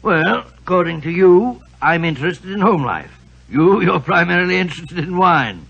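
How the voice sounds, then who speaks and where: An actor playing a genial, chuckling old-fashioned English doctor and storyteller, blustery and chatty, in 1940s radio drama style. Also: male voice, high-pitched, animated, moderate pace, creaky, a bit bright, slightly rough, heavily acted. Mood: genial, amused. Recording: muffled 1940s radio recording.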